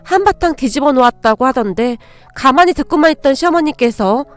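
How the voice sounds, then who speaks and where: A woman's voice: high voice, expressive, a little fast, dry recording, soft background music. A woman narrating a dramatic first-person family story with emotion.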